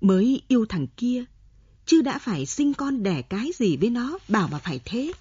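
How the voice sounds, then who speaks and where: A woman reading an audiobook, voicing a proud older mother who scolds her grown daughter in a sharp tone. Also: fairly high pitch, sing-song, moderate pace, slightly rough, no echo, muffled recording, pitched above the performer's own voice, exaggerated voice. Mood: scolding.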